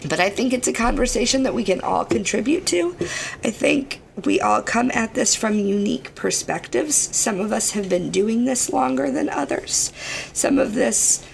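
Podcast host, woman, badly hoarse and gravelly, fairly high voice, casual, playful, sweary. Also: lively intonation, moderate pace, a little hiss or hum. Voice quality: hoarse, shot voice from overwork.

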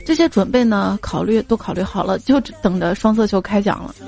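A woman's voice: medium pitch, brisk, gravelly, darkish tone. A woman hosting a comedy podcast, reading listener jokes in a chatty, playful way and acting out the quoted lines. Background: faint background music.

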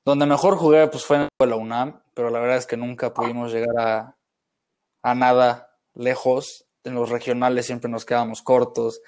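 Reflective young Mexican man, smooth voice. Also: medium pitch, a little mellow. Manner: rambling and reflective, with frequent restarts. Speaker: podcast co-host. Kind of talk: casual chat.

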